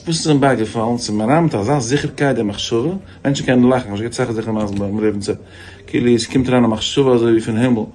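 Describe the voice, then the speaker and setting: A man's voice: medium pitch, fast, a little hiss or hum. A man, a rabbi, giving a storytelling sermon on faith, restarting phrases often and jumping his voice up for quoted people. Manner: animated, many repeated restarts, voice jumps up for quoted lines.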